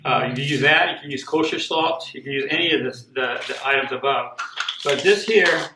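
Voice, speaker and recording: An older man from Costa Rica giving a plain, unhurried home cooking demonstration, repeating himself now and then. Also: medium pitch, pushed and bright. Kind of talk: casual home cooking demo. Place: echoey home kitchen. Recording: echoey kitchen with clear background noise.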